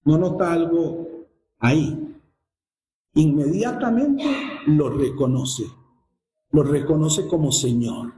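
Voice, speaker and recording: A man's voice: fairly high pitch, slow, long pauses, mellow. A man preaching a sermon to his congregation, asking them rhetorical questions and reading scripture aloud. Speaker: pastor. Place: church sanctuary. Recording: echoey church room.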